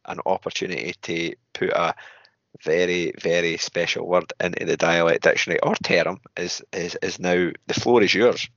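A man's voice: deep voice, fairly even intonation, normal speed, creaky, a bit bright, dry recording, dull audio. A man with a Scottish accent hosting a podcast in casual, rambling, jokey chat. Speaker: podcast host.

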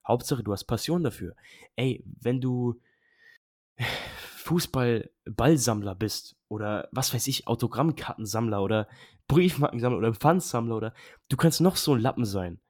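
A man's voice: mid-range voice, animated, moderate pace, a little mellow, no room sound, clean studio sound. A young man in casual podcast chat, talking bluntly and emphatically with lots of slang. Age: young adult.

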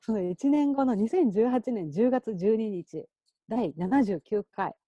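A woman co-hosting a casual chat podcast, retelling a story with lively acted-out quotes. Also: fairly high pitch, slow, no room sound, dull audio. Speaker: podcast co-host.

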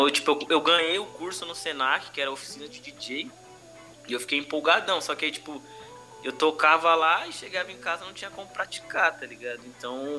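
Male podcast guest, São Paulo Brazilian Portuguese accent, very bright forceful voice, slangy casual storyteller, music underneath. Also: on the high side. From Brazil, urban periphery. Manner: heavy street slang, frequent conversational tags. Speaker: comedian interview guest.

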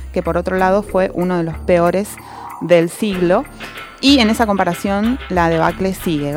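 A woman, co-hosting a radio show and reading economic commentary in a measured voice that stresses key numbers. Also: lowish voice, darkish tone.

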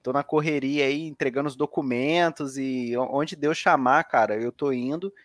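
A man's voice: medium pitch, moderate pace, dry recording. A man hosting a casual podcast, telling a story with lots of slang and swearing. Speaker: podcast host.

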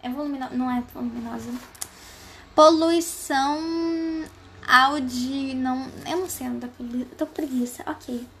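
High-voiced young woman reading aloud sarcastically. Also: steady tone, moderate pace, fairly bright tone, a little hiss or hum. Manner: sarcastic, slangy asides between read passages. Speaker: reader. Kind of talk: casual read-aloud of a novel with asides.

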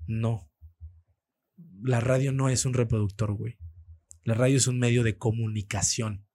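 A man speaking with a Mexican Spanish accent tells animated, slang-filled stories in a relaxed podcast chat. His voice sits at a medium pitch, and he fills the talk with frequent casual fillers. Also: normal speed, no echo. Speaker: radio producer and host, guest.

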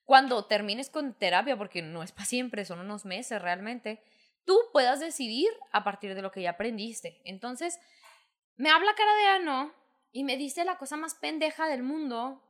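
A woman's voice: fairly high pitch, expressive, moderate pace. A young woman with a Mexican accent, chatting casually and telling a personal story full of slang, acting out quoted lines. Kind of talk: casual chat.

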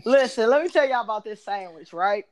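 A woman with a Washington, D.C. accent telling stories in a casual, slangy, profane podcast chat, quick to laugh. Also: fairly high pitch, lively intonation, over a noisy crowd. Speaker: podcast co-host. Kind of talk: casual chat, animated storytelling.

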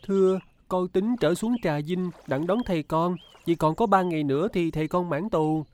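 A man's voice: high voice, normal speed, pitched above the performer's own voice, natural voice. A polite poor boy musician, read by a man. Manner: polite, respectful.

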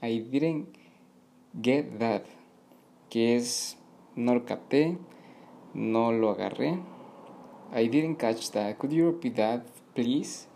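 A man hosting a podcast language lesson, patiently repeating English phrases slowly for beginners. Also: medium pitch, creaky, dark tone, slight background noise. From Mexico. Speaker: podcast host and English teacher.

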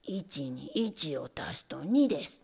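A nervous, pompous little rat stammers through his lessons, low, slow and whispery, as a woman reader puts him on. He clears his throat to seem important. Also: very animated, darkish tone, heavily acted. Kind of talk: storybook reading.

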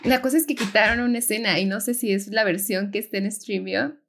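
Young woman, Mexican Spanish accent, relaxed podcast co-host, animated and quick to laugh. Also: mid-range voice, slight background noise. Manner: animated, laughs often, many fillers. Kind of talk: casual chat.

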